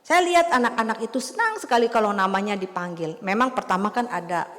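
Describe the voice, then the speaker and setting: A woman in her fifties preaching in a relaxed, storytelling way, talking straight to the congregation. Her mid-pitched voice rings out with the long reverb of a church hall. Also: fast talker. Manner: chatty, storytelling, addresses congregation as saudara. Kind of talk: sermon.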